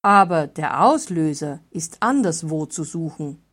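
A woman voicing a proud, self-assured male druid in a storybook reading, with firm, measured, formal speech. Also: low-pitched, animated.

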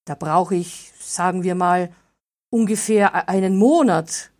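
A woman's voice: fairly low pitch, unhurried, a little mellow, lightly acted. A woman voicing a hesitant, defensive village blacksmith in a read-aloud fairy tale. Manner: hesitant, justifying himself.

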